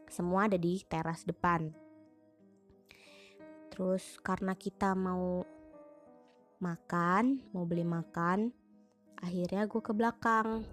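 Chatty young woman telling a ghost story. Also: on the low side. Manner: chatty, slangy, with many restarts and fillers. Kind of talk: casual spoken ghost story. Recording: music playing underneath.

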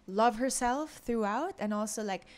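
A woman's voice: a little high, normal speed. A woman hosting an interview podcast, chatting casually with many filler words. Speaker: podcast host.

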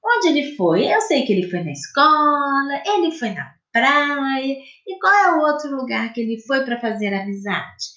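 A Brazilian woman teacher talks pupils through their tasks in a high, bouncy voice. She explains patiently and spells out sounds and syllables. Her voice echoes around the room. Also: very animated, normal speed, hardly any pauses, pushed and bright. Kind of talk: recorded classroom lesson for pupils.

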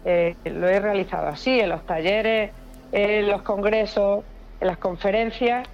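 A woman's voice: medium pitch, steady tone, unhurried, highs cut off, a little hiss or hum. A woman from Spain, a paranormal investigator, telling a personal story with feeling and repeating words for emphasis.

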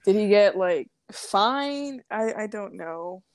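A woman's voice: medium pitch, animated, slow, darkish tone, no room sound, studio quality. A young woman co-hosting a podcast in casual chat, rambling with lots of fillers and frequent laughs. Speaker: podcast co-host.

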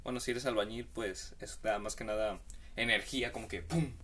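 A man's voice: lowish voice, steady tone, a little fast, bright, forceful tone, breathy edge. A man hosting a comedic monologue, giving rambling, slangy advice with playful asides.

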